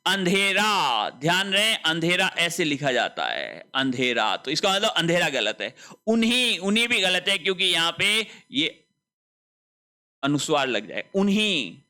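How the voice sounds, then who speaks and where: High-voiced, bright Hindi teacher. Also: male voice, sing-song, a little slow. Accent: Rajasthani. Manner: explains step by step with rhetorical questions. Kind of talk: exam-prep spelling lesson.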